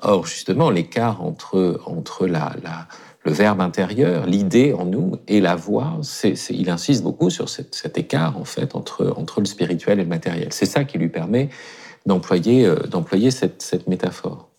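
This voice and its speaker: Low, gravelly, husky man; halting, reflective philosophy radio guest. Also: lively intonation, darkish tone. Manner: hesitant, many fillers and restarts.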